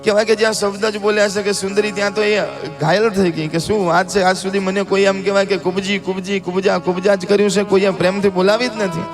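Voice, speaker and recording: A man telling a devotional story as a sermon, lively and theatrical, speaking directly to the audience. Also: high voice, quick pace. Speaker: religious storyteller. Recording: live talk with music behind.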